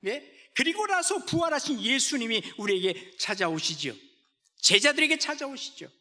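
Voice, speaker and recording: A male pastor delivers a sermon in a church sanctuary. His voice sits high for a man and is bright and ringing. His pitch swoops widely as he keeps quizzing the congregation. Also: sing-song, normal speed.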